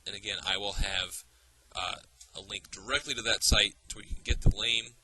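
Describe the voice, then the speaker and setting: A man teaching a software tutorial, explaining patiently step by step with small fillers and restarts. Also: on the low side, steady tone, brisk, background noise. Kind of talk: screencast tutorial.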